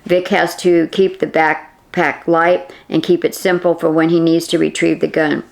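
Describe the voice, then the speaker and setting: A woman narrating a mystery novel in a measured, plain reading. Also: deep voice, little pitch movement, gravelly, a little mellow. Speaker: audiobook narrator. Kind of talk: audiobook narration.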